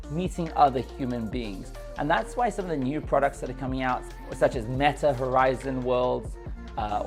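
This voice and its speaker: A man giving an eager, conversational lecture to camera about journalism and talking straight to viewers. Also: medium pitch. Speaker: journalism instructor.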